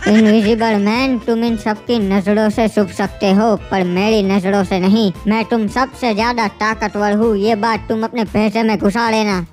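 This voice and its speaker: A woman's voice: medium pitch, flat delivery, moderate pace, few pauses, a little mellow, faint music behind, natural voice. A woman voicing a stern, boastful male superhero team leader who scolds his team. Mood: scolding. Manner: scolding, commanding.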